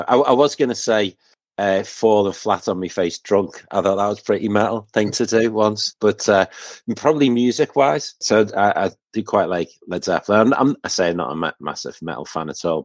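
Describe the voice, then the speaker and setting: Low-voiced self-deprecating man. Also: no echo. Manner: self-deprecating, stumbling restarts. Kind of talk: casual chat.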